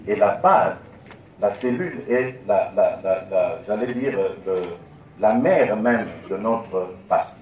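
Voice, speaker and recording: A man speaks as a party candidate, searching for words with many pauses and restarts. His voice is on the low side. It comes from a distance in an echoing hall, with faint room noise beneath it. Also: animated, a little mellow, lo-fi sound. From Congo. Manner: halting, full of fillers and restarts. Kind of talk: political debate. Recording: echoey hall from far off.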